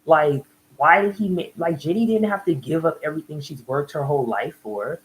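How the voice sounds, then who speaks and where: A woman with a low voice talks through a reality show episode in an easy, chatty way. She laughs a lot and jumps up in pitch when she acts out what people on the show said. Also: brisk, poor audio. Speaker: reality TV reviewer. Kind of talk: casual recap and commentary.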